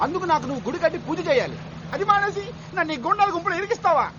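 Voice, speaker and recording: A man's voice: very high-pitched, lively intonation, racing. An actor playing an angry young man who scolds and insults his brother-in-law, in a dubbed film comedy. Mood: scolding. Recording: dull film soundtrack with noise.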